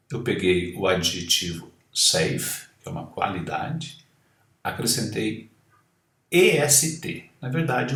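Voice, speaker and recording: A man with a Brazilian Portuguese accent teaches English in a slow, careful online lesson. His voice sits a little low, and he spells out letters one by one. The room around him is echoey. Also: gravelly, a bit bright, distant mic.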